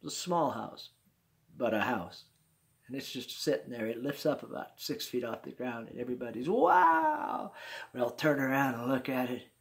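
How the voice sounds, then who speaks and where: An older man in his sixties with a gravelly, creaky voice spins a personal tale. He talks in a folksy, easygoing way, with chuckling asides, as a storyteller for his listeners. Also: medium pitch, steady tone, brisk.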